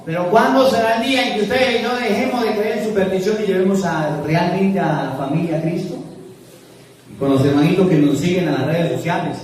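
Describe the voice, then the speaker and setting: A man's voice: sits high, a little fast. A man preaching a sermon as a priest, emphatic and repetitive, urging his listeners. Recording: echoey church from far off.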